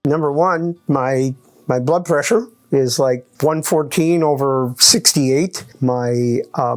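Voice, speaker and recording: A man in his eighties giving a testimonial interview as a chiropractic patient. He talks haltingly with many restarts and lists his points by number. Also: a little high. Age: 80s.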